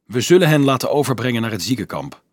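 A man's voice: medium pitch, sing-song, fast, dry recording, clean studio sound. A man voicing a cunning, firm teenage boy in an audiobook. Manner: firm, controlled.

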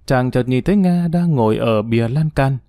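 A man narrating a romance audiobook in a steady storytelling manner. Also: mid-range voice, normal speed, no room sound, studio quality.

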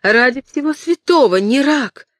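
A reader voicing a spirited young noble lady who gives sharp, commanding orders. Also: medium pitch, lively intonation, a little slow, no echo, clean studio sound, natural voice. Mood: shouting. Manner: sharp, imperious calls.

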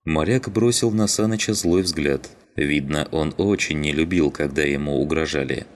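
A man narrating an audiobook with an exceptionally deep, low voice. His delivery is steady and measured, carrying the story along calmly.

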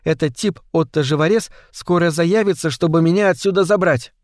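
A man's voice: a little high, a little fast, no echo, clean studio sound, close to an everyday voice. A man doing an urgent, pleading young girl. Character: determined girl, urging and pleading.

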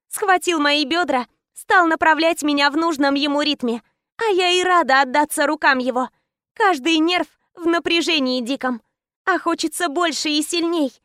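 A woman's voice: high-pitched, fairly bright tone, no room sound, clean studio sound. A woman narrating a first-person romance audiobook in intense, clipped short phrases.

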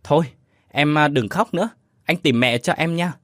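A man's voice: fairly high pitch, moderate pace, no echo, clean studio sound, lightly acted. A man voicing a curious, easily startled young man in a ghost story, asking nervous questions. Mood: coaxing.

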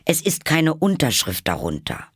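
A man's voice: a little high, wildly swooping pitch, normal speed, fairly bright tone, husky, dry recording, studio quality, pitched above the performer's own voice, full character voice. Man doing a pleading young knave. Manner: pleading, defensive.

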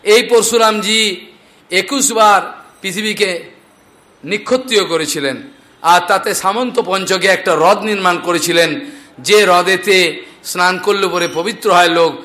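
High, bright-voiced male preacher. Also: measured pace, pauses often. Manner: animated, acts out the characters' speech. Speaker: Bhagavata storyteller preacher. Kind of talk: devotional scripture storytelling.

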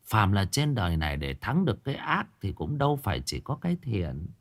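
A calm, worldly old village grandmother who talks slowly and softly, as a male storyteller puts her on. Her voice sits low and hushed, unhurried and knowing. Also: full character voice. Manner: slow, low, unhurried and wise.

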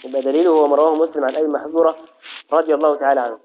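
Man, law lesson, repeats phrases, high voice, thin phone-like sound. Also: little pitch movement, a little hiss or hum. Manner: repeats key phrases slowly, asks and answers own questions. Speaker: Islamic law teacher. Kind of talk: classroom fiqh lesson. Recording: tinny phone-like audio.

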